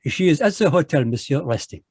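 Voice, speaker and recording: Speaking fairly quickly with a slightly high, animated voice, this man plays a fussy, smug Belgian detective of middle age, using a fake French accent for an old-time radio drama. He comes across as pompous but courteous, and his darkish tone has a breathy edge. The recording is dry and clean like a studio's, captured through a video call mic.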